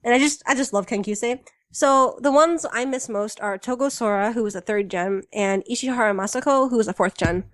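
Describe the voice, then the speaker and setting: A woman's voice: on the high side, fairly quick, dry recording. Chatty, enthusiastic young woman, dry mic. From United States. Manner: chatty and enthusiastic, many fillers. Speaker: podcast co-host. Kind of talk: casual fan podcast chat.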